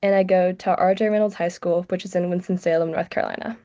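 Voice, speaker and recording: Over muffled, lo-fi video call audio, a US teen girl aged sixteen delivers a casual student presentation sprinkled with "like." She talks fast in a lowish, dark voice with fairly even intonation.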